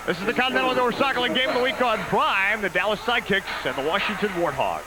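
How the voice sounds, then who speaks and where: High-voiced male play-by-play announcer. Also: expressive, quick pace, loud music behind the voice, rough recording. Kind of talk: live indoor soccer commentary. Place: live arena broadcast.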